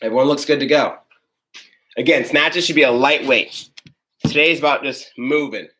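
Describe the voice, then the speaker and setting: A man's voice: mid-range voice, normal speed, bright, forceful tone, a little hiss or hum. A young man coaching an online workout, out of breath as he explains and demonstrates the moves in an upbeat, casual way. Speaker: fitness coach. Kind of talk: live online workout instruction. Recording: roomy echo, from far off.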